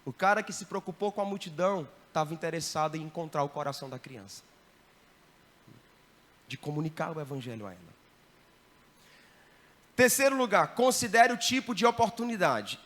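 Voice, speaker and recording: Male missionary, tense bright tone, lively teaching manner in a church hall. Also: a little high, brisk, long pauses. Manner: lively, keeps checking in with the audience. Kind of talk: church training talk.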